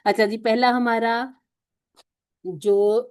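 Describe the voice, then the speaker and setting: A woman's voice: fairly high pitch, a little mellow. A woman teaching a recorded course lesson, patiently explaining and asking and answering her own questions.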